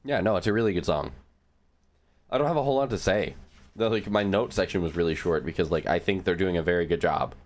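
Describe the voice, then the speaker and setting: A man's voice: deep voice, quick pace. A man co-hosting a podcast, chatting casually about music, joking and swearing freely. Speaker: podcast co-host.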